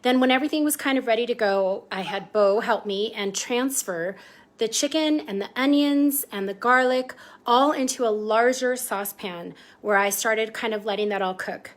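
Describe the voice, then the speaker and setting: With a voice on the high side and a moderate pace, a woman hosts a relaxed cooking livestream from her home kitchen. She's chatty, greets viewers by name, and gets sidetracked easily.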